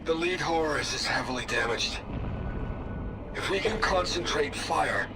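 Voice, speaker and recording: An actor playing a warship officer under attack, heard as an old recorded distress message, shouting urgent battle reports. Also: male voice, fairly high pitch, animated, measured pace. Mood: panicked. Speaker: naval ship crew member. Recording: old recording with heavy static noise.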